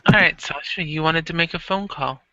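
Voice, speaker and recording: A man running a tabletop game, narrating in a laid-back, drawn-out way. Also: on the high side, sharp tone. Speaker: game master. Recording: dull lo-fi recording.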